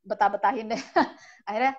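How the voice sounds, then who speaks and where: A mother guest on a live stream shares her experience with her child, animated and full of exclamations. Her voice is a little higher than average. The sound is dull and lo-fi, as from an online call. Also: husky. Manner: animated, expressive, exclaims often. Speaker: parent guest sharing experience. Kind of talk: casual storytelling. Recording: dull lo-fi livestream audio.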